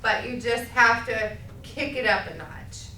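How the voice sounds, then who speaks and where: A middle-aged woman with a Massachusetts accent teaching a speech class, loud and projecting, checking in with "okay?" as she goes. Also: on the high side, unhurried, far from the mic, slight background noise. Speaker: college speech instructor. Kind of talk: classroom lecture. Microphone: camera at a distance. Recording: echoey classroom recorded from afar.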